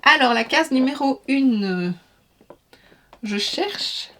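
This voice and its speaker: A young woman, her voice sitting a little high. She chats eagerly through a beauty unboxing, full of little fillers and delighted asides. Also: animated, slow pace, pushed and bright. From Belgium. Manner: chatty, enthusiastic, many fillers. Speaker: beauty vlogger. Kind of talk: casual unboxing chat.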